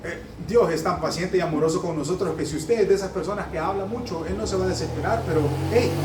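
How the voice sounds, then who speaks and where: A male pastor preaching a fast, joking, conversational sermon that swells into loud, high emphatic bursts. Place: church sanctuary. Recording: echoey hall, heard from a distance.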